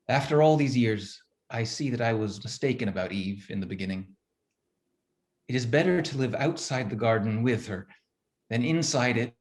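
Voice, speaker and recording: A man's voice: lowish voice, close to an everyday voice. An actor playing Adam as a bemused young husband, reading his diary with dry, musing asides over a video call. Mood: tender. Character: first man, gruff bemused young husband. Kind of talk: theatrical reading of a one-act play.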